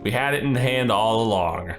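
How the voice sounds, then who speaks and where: Lively, low-voiced man commentating on a game. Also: normal speed. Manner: informal, slangy asides. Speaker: let's play host. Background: game music behind the voice.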